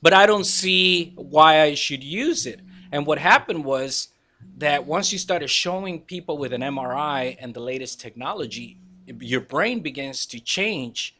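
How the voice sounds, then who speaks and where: A man's voice: a little high, lively intonation, measured pace, sharp tone. Confident Spanish-native man explaining things. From Guatemala. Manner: confident, emphatic, lecturing. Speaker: guest, body language teacher. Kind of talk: casual radio interview.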